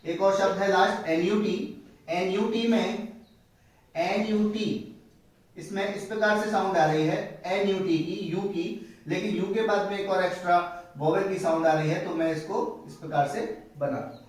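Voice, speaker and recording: A man with a fairly high voice teaches a step-by-step lesson, repeating each word as he explains it. He sits a little away from the mic in a very echoey room. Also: fairly even intonation, normal speed, far from the mic. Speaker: shorthand teacher.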